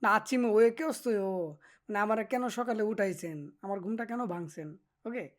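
A woman teaching a vocabulary lesson to learners. She is patient and encouraging, explains slowly with hesitant fillers, and keeps checking in with the class. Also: medium pitch. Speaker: Korean language teacher.

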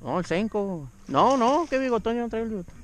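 A man, chatting excitedly and swearing freely while fishing, recorded outdoors on a boat by an action camera. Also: high-pitched, fairly quick. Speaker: angler filming his fishing trip. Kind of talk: casual fishing vlog banter. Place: outdoors on a bass boat on a lake. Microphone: first-person action camera.

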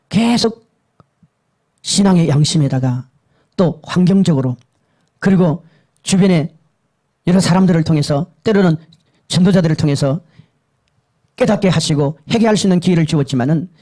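A male pastor preaching a sermon that recounts a vision, emphatic and repetitive, dropping to hushed lows and rising to urgent highs. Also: lively intonation, normal speed, long pauses. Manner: emphatic and repetitive, swinging between low hushed and high urgent tones.

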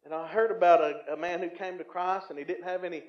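A male pastor preaching a sermon in a folksy, storytelling way, often restarting with fillers and swelling louder for emphasis. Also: high-pitched, steady tone, fast. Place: church sanctuary. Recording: roomy, slightly dull church recording.

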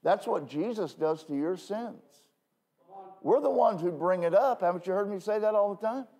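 A man preaching from a church pulpit in a loose, talky style, with a voice pitched a little higher than most men's. He keeps checking in with his listeners and pokes fun at himself along the way. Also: a little mellow. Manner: conversational, self-deprecating asides, frequent "okay?" checks. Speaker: pastor. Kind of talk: sermon.

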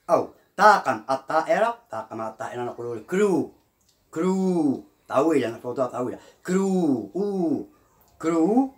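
A man with a fairly high voice, teaching pronunciation in a patient step-by-step way. His pitch swings widely. It leaps up on each drawn-out example word and drops low as he explains. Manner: repeats each example word several times, drawing out the sounds. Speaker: English teacher. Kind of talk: slow explanatory language lesson.

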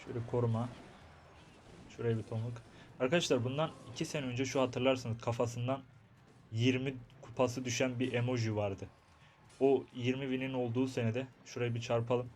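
A young man giving chatty, excitable commentary on his own mobile game match, talking to his viewers and to himself. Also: medium pitch, moderate pace, a little hiss or hum. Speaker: gaming YouTuber. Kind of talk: live gameplay commentary.

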